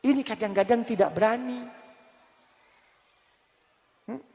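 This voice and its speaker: A man preaching a sermon, slow and emphatic, dropping low and soft when he acts out pleas and dialogue. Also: vocal fry. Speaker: Islamic preacher. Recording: long hall reverb.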